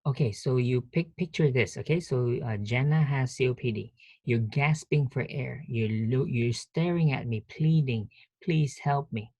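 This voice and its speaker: A man's voice: mid-range voice, moderate pace, a little mellow, husky, no room sound. Man teaching an online nursing class. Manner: conversational, restarts often, quizzes students. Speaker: nursing professor. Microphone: video call.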